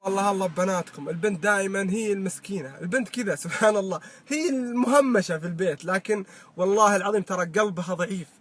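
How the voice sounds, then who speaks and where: A man's voice: sits high, very fast, a bit bright, a little hiss or hum. A Saudi man giving fervent moral advice to his viewers, in a Saudi accent, swearing oaths often. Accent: Saudi Arabic. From Saudi Arabia. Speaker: social media creator. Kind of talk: impassioned moral advice monologue.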